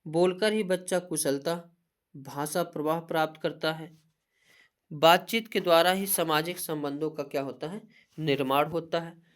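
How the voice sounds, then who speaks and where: Here a Hindi teacher lectures for exam preparation at a medium pitch. Her delivery is a steady recitation of points, regularly broken by questions she asks in the middle of a sentence and then answers herself.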